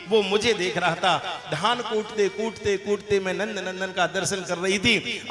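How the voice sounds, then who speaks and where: A man's voice: sits high, sharp tone. A man telling a devotional story in rapturous, emotive first person, recorded in a large echoey hall with music behind. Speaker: religious storyteller.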